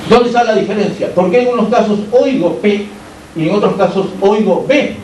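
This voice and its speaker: A fairly high-pitched man with a Peruvian Spanish accent lectures to a class and often checks in with rhetorical questions. His voice goes through a sound system and reaches the mic from across an echoey hall. A faint hiss runs underneath. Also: normal speed, dark tone, far from the mic. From Peru. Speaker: university lecturer. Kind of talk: academic lecture. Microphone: amplified by a sound system, recorded from the room.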